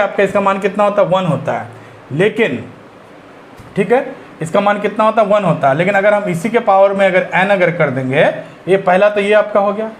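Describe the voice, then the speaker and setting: Man, higher-pitched, teaching an exam-prep maths lesson. Faint background hiss. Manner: works through sums step by step, asks and answers himself.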